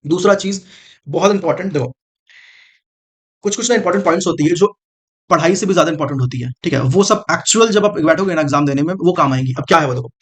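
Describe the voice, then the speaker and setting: A man's voice: on the high side, fast. A man coaching students on exam strategy in a casual, direct way, repeating his points and calling the listener brother. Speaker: exam prep mentor. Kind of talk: casual coaching talk to camera.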